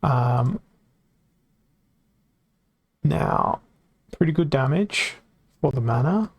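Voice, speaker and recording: A male game streamer with a gravelly, fry-laden voice, worn from hours of talking. He thinks aloud at his desk microphone, wandering off and correcting himself. The sound is dry and close, with no room around it. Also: on the high side, lively intonation, very slow, dry recording. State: voice getting worn from long talking. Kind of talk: casual game stream commentary.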